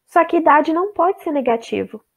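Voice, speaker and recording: A young woman from Brazil, a teacher trainee, explaining a math lesson step by step in a deliberate way. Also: high voice, animated.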